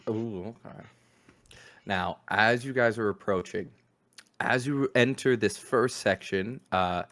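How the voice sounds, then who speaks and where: A man narrating a tabletop game as game master, rambling in a relaxed way with lots of fillers. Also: fairly low pitch, a little slow.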